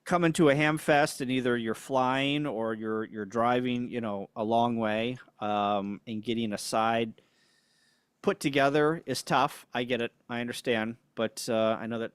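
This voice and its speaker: A man in casual livestream chat, laid-back and chuckling as he reads viewer comments out loud. His voice sits at an ordinary middle pitch, and the recording is close and dry with no room sound. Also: steady tone, measured pace, clean tone, no room sound. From United States. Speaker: co-host of a ham radio livestream.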